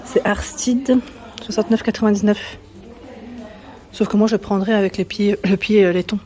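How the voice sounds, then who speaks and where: A woman's voice: mid-range voice, fairly even intonation, normal speed, mellow. Chatty woman touring a furniture store. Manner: chatty, reads out prices and sizes, many tag-on fillers. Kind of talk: casual walkthrough chat. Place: inside a large furniture store.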